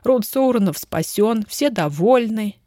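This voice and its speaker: A woman narrating a first-person fantasy audiobook in an expressive reading voice. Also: fairly high pitch, takes it slowly, no room sound, clean studio sound.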